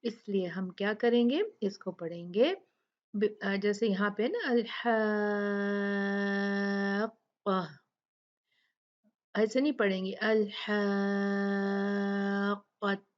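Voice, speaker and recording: A woman gives a recitation lesson and talks at an unhurried, careful pace. She repeats each example word and explains the rules patiently. The recording sounds dull and lo-fi. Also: medium pitch, darkish tone. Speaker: Quran recitation teacher.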